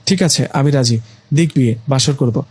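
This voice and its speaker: A man's voice: mid-range voice, moderate pace, a little mellow, breathy edge, natural voice. A man voicing a female ghost who poses as a sweet young bride, coy and stubbornly insistent.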